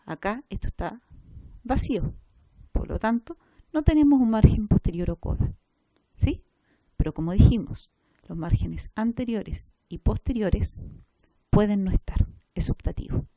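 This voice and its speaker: A woman teaches a recorded class, going through each point step by step. Her voice is warm and mellow. The sound is dry and close, with no room echo. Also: medium pitch, animated, measured pace, long pauses. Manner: explains step by step, checks with "¿ya?".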